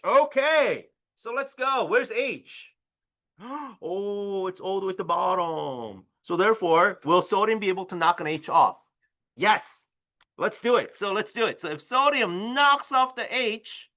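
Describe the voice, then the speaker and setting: A man lecturing a chemistry class, his voice high and sharp-edged. He teaches with animated, exclamatory energy, tossing "right?" at the room after nearly every step. He sounds like a classroom teacher on his feet in front of students.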